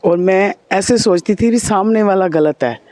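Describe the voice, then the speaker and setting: A woman's voice: medium pitch, unhurried, dark tone. A woman at a meditation course, sharing her own experience in a simple, hesitant and modest way.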